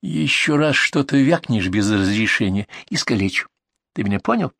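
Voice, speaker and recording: Man putting on tough young paramedic, threatening and scornful, higher than his own voice, audiobook. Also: lively intonation, normal speed, creaky, fairly bright tone, dry recording.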